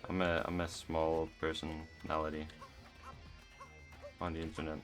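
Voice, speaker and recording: A young man thinks out loud while he plays a game, speaking in a flat, low monotone. His voice sits very deep, and faint music runs underneath. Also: measured pace. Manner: monotone, rambling, musing aloud. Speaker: gaming vlogger. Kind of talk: casual gameplay commentary.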